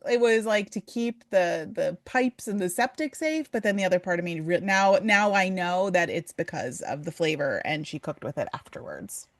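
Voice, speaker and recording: A woman from Pennsylvania with a flat, nasal voice, hosting a casual interview and asking questions in a chatty way. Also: on the low side, normal speed, few pauses, dry recording. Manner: chatty, laughing easily, asks questions. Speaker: podcast host.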